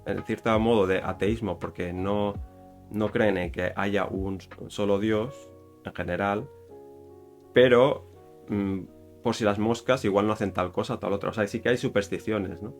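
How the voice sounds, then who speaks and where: A man's voice: fairly low pitch, fairly even intonation, a little slow, soft background music. A man with a Spain Spanish accent, casually explaining a cultural topic in a rambling way, full of fillers and self-corrections. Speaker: YouTuber explaining Japanese culture.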